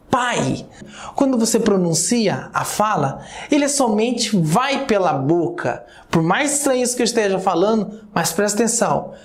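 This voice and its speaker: A man with a Brazilian accent giving a recorded video lecture, explaining step by step and often calling out to his viewers. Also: sits high. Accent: Brazilian Portuguese. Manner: explanatory, addresses viewers often with "olha só" and "galera". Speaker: teacher. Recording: roomy classroom echo.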